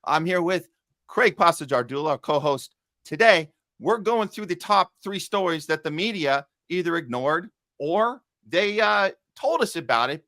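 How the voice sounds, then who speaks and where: Male news countdown host, higher register, dry recording, sardonic commentator who stumbles through his reads. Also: bright, forceful tone, no room sound. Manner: sardonic asides. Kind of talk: top news countdown, reading stories with ad-libbed commentary.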